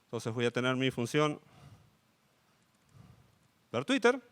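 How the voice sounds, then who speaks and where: Lively Argentine man explaining code. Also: mid-range voice, slow pace, clear, resonant tone. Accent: Rioplatense Spanish. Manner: checks in with audience, asks "¿sí?" often. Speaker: conference speaker. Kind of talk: live coding talk.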